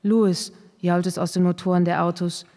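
A woman author reading her first-person story aloud at a live literary event, in a measured, unhurried way. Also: lowish voice, darkish tone. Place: event hall. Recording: reverberant hall.

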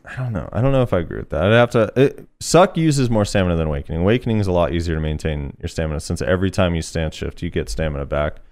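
A man's voice: deep voice, lively intonation, rapid-fire, few pauses, darkish tone. A man hosting a casual podcast, reading listener comments aloud in a laid-back way with plenty of fillers. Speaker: podcast host.

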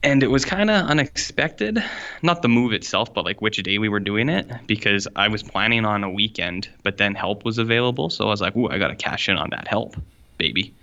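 A man's voice: fairly low pitch, animated, brisk, pushed and bright. Easygoing podcast guy rambling on, sounds like he's stuck in a fishbowl, muffled echoey room. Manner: rambling, easygoing, swears casually. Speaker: podcast co-host. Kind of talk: casual chat. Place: borrowed room at a university. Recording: dull, echoey room recording.

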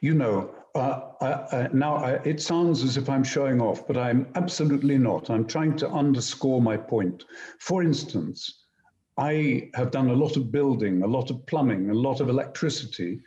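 A man being interviewed, telling anecdotes in a deliberate, articulate and emphatic conversational way. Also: medium pitch, dark tone. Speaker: interview guest, poet and screenwriter. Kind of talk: reflective conversational storytelling. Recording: slightly dull, roomy sound.

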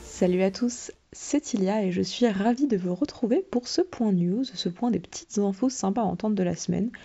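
Young woman, podcast host, mellow voice, chatty, lo-fi sound. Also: mid-range voice, moderate pace, slightly rough, faint music behind. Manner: chatty, upbeat, with light fillers. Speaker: podcast presenter. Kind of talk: casual podcast segment.

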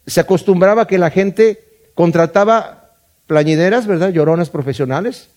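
A man's voice: high-pitched, normal speed, darkish tone. A middle-aged man from Mexico with a Mexican Spanish accent, teaching a Bible study in a conversational way, often repeating words and asking "¿verdad?".

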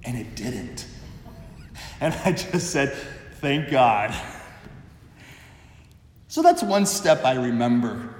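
Slow priest in a cathedral echo. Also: male voice. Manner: slow, measured delivery. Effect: cathedral echo with long reverb. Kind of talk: Gospel reading and homily at Mass. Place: large church. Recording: echoey church hall, faint rumble.

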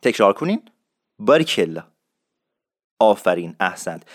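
A man teaching dialect expressions, explaining in a lively way and repeating words slowly for learners. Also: a little high, dry recording, clean studio sound. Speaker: language teacher.

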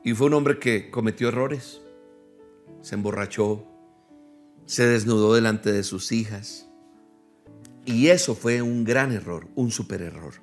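A man with a low voice preaches a livestreamed sermon. He is earnest and talks straight to his listeners, repeating key phrases to drive them home. Soft music plays faintly behind him. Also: measured pace, long pauses. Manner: addresses listeners directly. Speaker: pastor.

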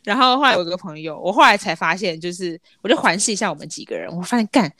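A woman's voice: lowish voice, animated, fast, a bit bright, no room sound, studio quality. A young woman with a Taiwanese accent chats casually as a podcast co-host, telling anecdotes and acting out the dialogue. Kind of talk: casual chat, storytelling.

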